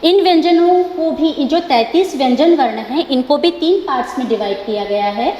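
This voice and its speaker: High-voiced Indian woman teaching in an echoey room. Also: mellow, dull audio. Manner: explains slowly, stretches sounds to show pronunciation, checks understanding often; mixes English words into her talk. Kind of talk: classroom lesson. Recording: echoey room with long reverb, faint hiss.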